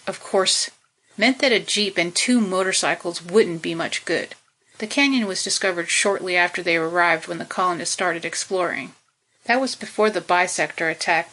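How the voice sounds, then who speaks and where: Bright, low-pitched woman reading a novel. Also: rough recording. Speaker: audiobook narrator. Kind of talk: scripted audiobook narration.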